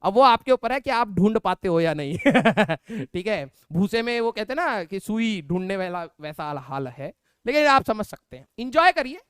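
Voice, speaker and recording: A man's voice: high voice, very animated, moderate pace, a bit bright, slight background noise. A young man, a physics teacher, casually telling a class a funny story and often adding "theek hai". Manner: chatty, keeps tagging lines with "theek hai"; laughs at his own story. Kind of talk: casual anecdote told to a class.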